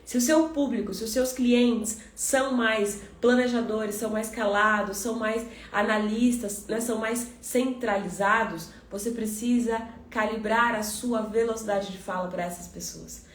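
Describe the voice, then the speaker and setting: A Brazilian woman coaching on communication, talking fast and directly to the listener as a friend. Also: fairly high pitch, fairly even intonation, echoey room. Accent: Brazilian Portuguese. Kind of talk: motivational podcast talk.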